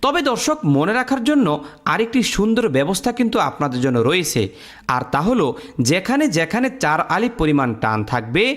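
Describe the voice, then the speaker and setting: A man's voice: sits high, very animated, a little fast. A man teaching Quran recitation rules step by step, drilling letter sounds in a sing-song, teacherly way. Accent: Bangladeshi Bengali. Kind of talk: step-by-step lesson.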